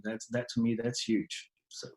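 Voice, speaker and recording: A man's voice: mid-range voice, little pitch movement, measured pace. A man speaking earnestly and gratefully as a guest at a virtual town hall.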